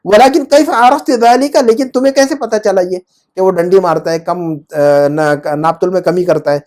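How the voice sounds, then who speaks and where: A male teacher explains grammar in an unhurried, patient way. He checks his student's understanding with frequent quick questions and repeats key terms until they stick. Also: high voice, dark tone. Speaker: Arabic teacher. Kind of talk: explaining Arabic grammar in Urdu.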